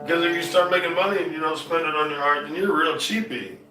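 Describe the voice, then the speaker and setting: On his own music and painting show, a lightly Southern-accented man rambles to viewers in a high-leaning, steady, bright and forceful voice, talking fast. His thoughts trail off and restart, and the distant, off-mic recording has room echo and guitar music.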